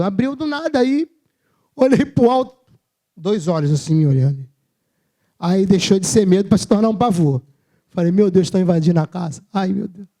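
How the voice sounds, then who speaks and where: Brazilian man, preacher, high voice, mellow tone, joking conversational sermon. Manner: humorous, self-mocking, conversational. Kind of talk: sermon with personal storytelling. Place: church service.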